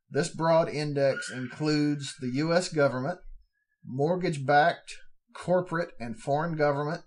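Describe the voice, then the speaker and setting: A man hosting a podcast, steadily reading formal fund descriptions aloud and breaking off now and then for plain spoken asides. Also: mid-range voice. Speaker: podcast host.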